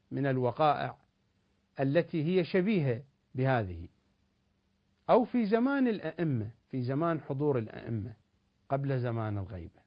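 A man giving a religious lecture in a measured, emphatic delivery with rising and falling stresses. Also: medium pitch, dull audio.

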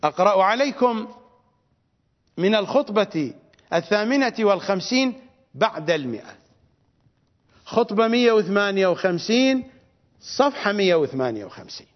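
A man's voice: high-pitched, very animated, moderate pace, pauses often. A man with an Iraqi Arabic accent giving a religious lecture as a cleric, fiery and scornful, repeating phrases for stress. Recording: reverberant dull lo-fi recording.

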